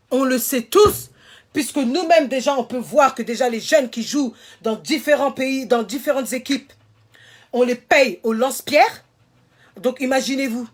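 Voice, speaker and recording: High-voiced, indignant woman ranting. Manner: emphatic, indignant, repeats her points. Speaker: social media commentator. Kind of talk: impassioned vlog rant to viewers.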